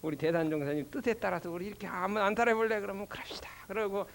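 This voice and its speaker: An older man, a Won Buddhist minister, giving a doctrine lecture with animated storytelling and rhetorical questions. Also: high voice, gravelly, a little hiss or hum. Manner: slow chanting recitation of prayer.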